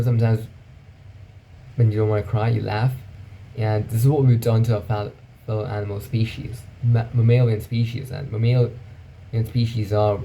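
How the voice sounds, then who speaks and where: A man with a very dark, mellow voice that has a gravelly edge muses aloud in a loose solo monologue. He thinks as he talks, keeps checking in with the listener, and a faint hiss sits behind him. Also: lowish voice. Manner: musing, thinking aloud, often asks "right?". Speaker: vlogger. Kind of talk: casual reflective monologue.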